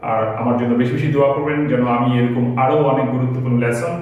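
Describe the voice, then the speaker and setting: A man's voice: medium pitch, steady tone, very fast, darkish tone, muffled recording, slight background noise. Bangladeshi male English teacher at a board, repeats and spells out examples, recorded in a very echoey room from a distant mic. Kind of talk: spoken grammar lesson. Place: classroom with a board.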